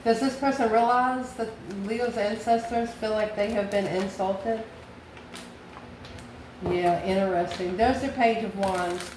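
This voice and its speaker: An American woman who hosts a tarot channel gives the viewer an intuitive reading, musing aloud in short, repeated phrases and questions. Her voice is medium-pitched and steady, at a measured pace. The room is echoey, with clear background noise.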